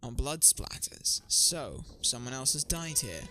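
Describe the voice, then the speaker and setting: A man doing let's play commentary, thinking aloud and getting excitable about a puzzle game. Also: mid-range voice, a little slow, noisy background. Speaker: gaming streamer. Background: background music.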